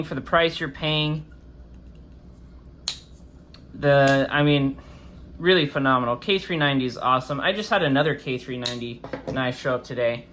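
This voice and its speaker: Guy doing a chatty review vid, bright voice, mouth kinda swollen from wisdom teeth surgery, bit of background noise. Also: fairly high pitch. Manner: informal, chatty. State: swollen face and slightly impeded speech after wisdom tooth removal. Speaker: host of a knife review channel. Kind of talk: casual product review vlog.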